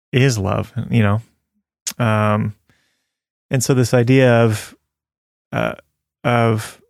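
A man's voice: fairly low pitch, gravelly, dry recording, studio quality. A man co-hosting a casual faith talk, reading scripture aloud and chatting earnestly with many fillers and easy laughs. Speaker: podcast co-host sharing a devotional.

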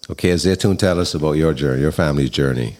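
A man hosting a podcast, reading his introduction in a measured, earnest way and interviewing guests at home. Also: very deep voice, a little mellow. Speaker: podcast host. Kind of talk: scripted podcast narration. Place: home kitchen.

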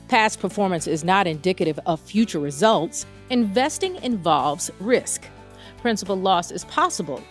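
A woman reads a scripted legal disclaimer in a formal, measured announcer's delivery. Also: medium pitch.

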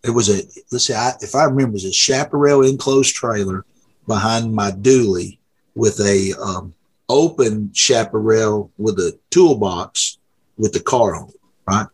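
A man's voice: lowish voice, moderate pace, husky. A middle-aged man, a drag racer guest telling a folksy, rambling story with laughs. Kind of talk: casual storytelling.

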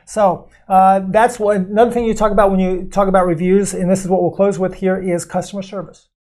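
A man co-hosting a podcast, giving measured explanations in a conversational way and sometimes acting out what callers say. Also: high voice, level tone, a little mellow. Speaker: podcast co-host explaining investing.

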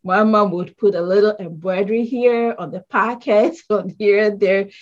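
A woman from Ghana, answering interview questions in a measured, thoughtful way and pausing with ums. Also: medium pitch, fairly even intonation, lo-fi sound. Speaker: guest artist.

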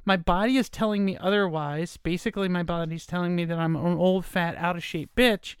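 A woman in her fifties hosts a casual solo podcast monologue, rambling hesitantly and self-deprecatingly with frequent fillers. Allergies leave her stuffy and a bit nasal, though her lowish voice is clear and resonant, fairly quick and fairly even in intonation. The recording is clean studio sound with no echo.

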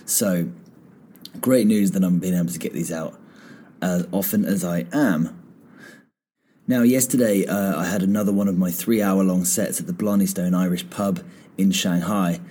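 A podcast host teaches guitar casually, explaining finger positions step by step in a relaxed way and playing between phrases. He is low-pitched and talks at a normal speed, his voice slightly croaky after singing.

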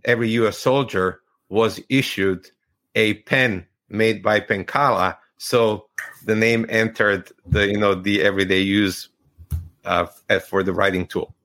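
A man from Croatia, a tech executive giving measured, explanatory interview answers over a video call and sometimes searching for words. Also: on the low side, a bit bright.

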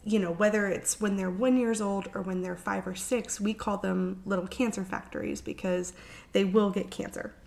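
A woman's voice: medium pitch, fairly even intonation, moderate pace, vocal fry, a little mellow. Woman podcaster, sick and worn out. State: sick with flu-like illness, worn out. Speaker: veterinarian podcast host. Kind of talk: casual solo podcast talk.

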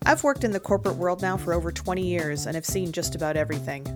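A woman's voice: lowish voice, fast, music in the background. A woman in her forties from Michigan hosting a casual solo podcast, frank and self-deprecating, swearing freely. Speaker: podcast host and author.

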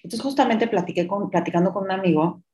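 Speaking at a quick pace, a middle-aged woman with a mellow, mid-range voice hosts a podcast. Reflective and candid, she recounts a personal story, occasionally dropping in English words, and the room echoes noticeably.

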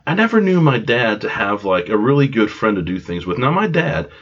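A cold-congested podcast host from Long Island, New York, delivers a casual storytelling monologue in a fairly low, sing-song voice, a little fast and breathy. He rambles, mocks himself, and drifts into tangents, all on a dull lo-fi home recording.

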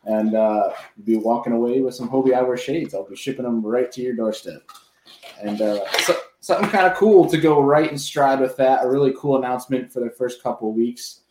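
A man's voice: medium pitch, fairly quick, a little mellow, a little hiss or hum. A man hosting a live podcast in a casual, buddy-like way. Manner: informal, buddy-like address. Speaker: podcast host. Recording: roomy, echoing sound.

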